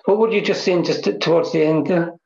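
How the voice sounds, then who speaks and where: A man's voice: on the high side, fairly even intonation, fast talker, creaky, mellow, a little hiss or hum. A man speaking as a guest over a video call, talking thoughtfully and repeating phrases for emphasis. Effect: heard over a video call. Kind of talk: reflective interview talk on mindfulness. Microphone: computer mic on a video call. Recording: dull, echoey video call audio.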